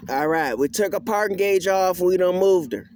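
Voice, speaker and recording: A man's voice: high-pitched, moderate pace. A man giving a casual hands-on tutorial as an instructor, in folksy, colloquial country phrasing, patiently repeating each instruction step by step. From rural area. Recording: clear background noise, outdoor ambience.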